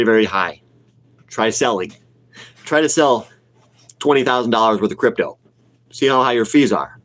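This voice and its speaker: Medium in pitch with a fairly bright tone, this man of about forty is sniffling through a cold. As a livestream host and retail investor, he chats casually while answering viewer comments. He's blunt and opinionated and often repeats himself for emphasis.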